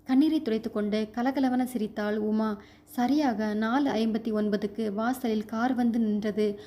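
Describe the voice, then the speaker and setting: A woman's voice: on the high side, fairly even intonation, measured pace, warm tone. Woman narrating a short story. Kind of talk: reading a short story aloud.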